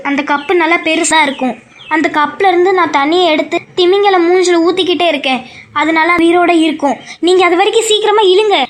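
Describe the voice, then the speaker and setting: A woman telling a kids' ghost story aloud, expressive and urgent, with lots of exclamations. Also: very high-pitched. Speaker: storyteller and main character. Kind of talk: animated storybook narration.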